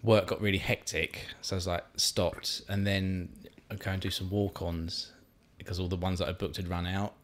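A man's voice: sits low, level tone, normal speed. A man chatting casually as a podcast host, rambling and self-deprecating. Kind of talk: casual chat.

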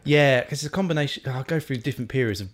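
A man's voice: medium pitch, very fast. A man chatting casually as a podcast host, rambling and self-deprecating. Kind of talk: casual chat.

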